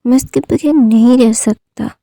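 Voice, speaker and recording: A woman narrator puts on a frantic young man from a spoken fan story who keeps stammering and repeating himself. The voice is somewhat high for a man's part, very warm and dark, with a gravelly fry running through it. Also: fairly even intonation, unhurried, dry recording. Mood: desperate. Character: obsessive desperate young man pleading.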